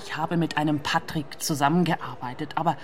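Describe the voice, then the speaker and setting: An actress playing an earnest, insistent client seeking a detective's help in a radio drama. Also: female voice, low voice, steady tone, brisk, slight background noise, natural voice.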